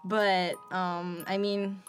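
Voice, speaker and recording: A woman's voice: lowish voice, flat delivery, drawn-out words, soft background music. A woman co-hosting an episode review in casual chat, rambling with lots of fillers and restarts.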